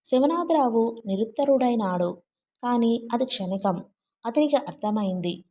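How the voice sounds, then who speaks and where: A woman narrating a novel aloud with an expressive storytelling reading. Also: on the high side, measured pace. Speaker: audiobook narrator.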